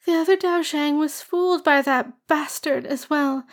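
A woman reading an audiobook and voicing a tearful, stubborn young girl who pleads and whines in a high, sobbing voice. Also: fairly even intonation, moderate pace. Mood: pleading, tearful. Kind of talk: audiobook character voice.

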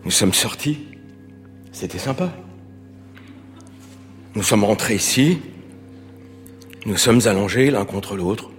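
An actor playing a quiet, sincere man calmly recounting a night, in a stage play. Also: lowish voice, long reverb tail, soft background music. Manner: measured, even storytelling.

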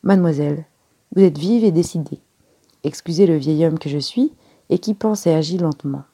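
A woman doing a courteous, self-satisfied old detective. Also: a little high. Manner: polite, measured, softly spoken. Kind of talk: audiobook character reading.

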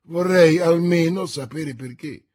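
A man's voice: a little high, a little slow, pitched above the performer's own voice. Man doing a blustering, hearty musketeer. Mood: indignant. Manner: loud, indignant exclamations.

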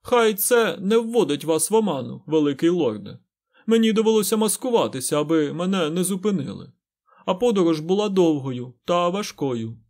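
Audiobook figure: male reader doing a shrill, groveling beggar man. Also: animated, a little fast, few pauses. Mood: oily. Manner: whining, then shouting and oily-smooth. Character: whining grimy male beggar, wild and shifty.

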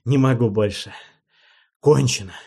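A man voicing a despairing male necromancer king who pleads and rages in loud, anguished outbursts. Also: medium pitch, expressive, slow pace, pitched above the performer's own voice.

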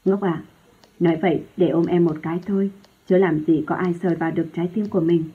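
A woman's voice: lowish voice, steady tone, quick pace, breathy edge. Woman reading an earnest young man. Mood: teasing. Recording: tinny phone-like lo-fi sound.

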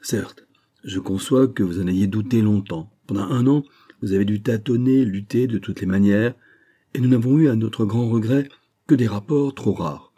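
A man voicing an effusive, flattering middle-aged male bank sub-director in an audiobook reading. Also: lowish voice, normal speed, natural voice. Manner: gushing, emphatic, flattering.

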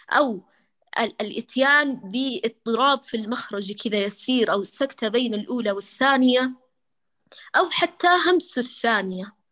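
A woman's voice: a little high, pushed and bright. A woman teaching tajweed in an online class, explaining pronunciation patiently and demonstrating letter sounds again and again, addressing her students affectionately. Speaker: Quran recitation teacher.

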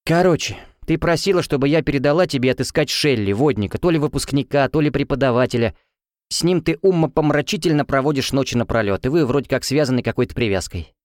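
A man voicing a sharp-tongued, irritable young woman who shares a room, speaking in a scolding, snappy way. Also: mid-range voice, animated, fast talker, no echo, clean studio sound, pitched above the performer's own voice, close to an everyday voice.

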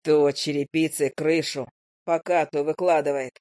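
A calm, stubborn male hunter who answers everything in a low, deadpan drawl, as a woman reading the book puts him on. The voice sits close and dry, with no room around it. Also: a little slow, dry recording.

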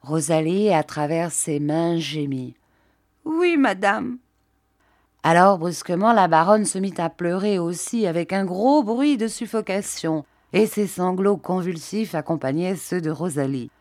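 A woman reading a classic novel aloud as an audiobook, in a measured, expressive manner. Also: on the low side, no echo, clean studio sound. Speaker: audiobook reader. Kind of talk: scripted narration of a classic novel.

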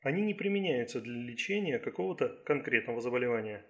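A man reading the lines of a calm middle-aged male Chinese herbal doctor in an audiobook, in a slow, gentle, measured way. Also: mid-range voice.

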